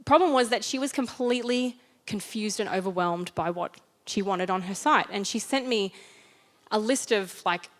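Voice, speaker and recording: A church speaker with an Australian accent gives a conversational sermon, sharing a personal story in a chatty, self-deprecating way. Her voice is mid-range and she talks at a normal speed.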